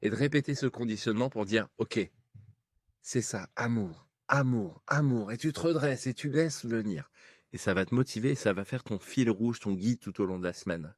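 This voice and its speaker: A man's voice: lowish voice, fairly quick, darkish tone, no echo, clean studio sound. A man working as a hypnosis coach, giving encouraging, informal step-by-step instructions and guided exercises straight to the listener. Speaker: hypnosis coach and video host.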